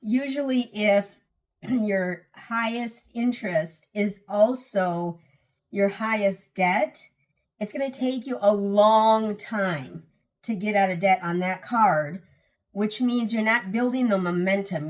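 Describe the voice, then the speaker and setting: A woman's voice: mid-range voice, slow pace. A woman vlogger talking casually about getting out of debt. She is earnest, often restarts and repeats phrases for emphasis, and sounds a little tired. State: tired, yawning. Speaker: personal finance vlogger. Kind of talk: casual talk to camera.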